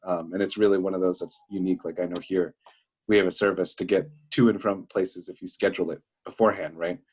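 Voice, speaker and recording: Young man, husky and low, chatty co-host voice full of fillers. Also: steady tone, quick pace, a little mellow. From Wisconsin. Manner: chatty storyteller, many fillers. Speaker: podcast co-host. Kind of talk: casual chat.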